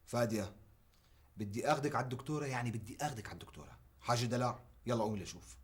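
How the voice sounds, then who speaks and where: An actor playing a protective, insistent older brother in a TV drama. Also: male voice, mid-range voice, very fast, faint music behind, lightly acted. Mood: coaxing. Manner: coaxing, insistent, rising to shouts. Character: protective young man, pushy and anxious. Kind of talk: TV drama acting.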